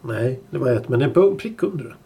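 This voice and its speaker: A man's voice: medium pitch, lively intonation, gravelly, warm tone, a little hiss or hum. A middle-aged man co-hosting a casual chat, explaining things at length with restarts. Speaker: podcast co-host.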